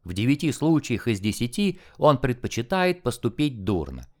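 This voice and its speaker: A man reading an audiobook and voicing a calm, scornful male angel who lectures in a measured, contemptuous way. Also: medium pitch, natural voice. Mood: scornful, lecturing.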